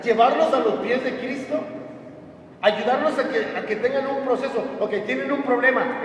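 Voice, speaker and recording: A man's voice: extremely high pitch, slight background noise. A man preaching a conversational sermon, acting out voices as he retells stories. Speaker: pastor. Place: church hall. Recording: echoey hall from far off.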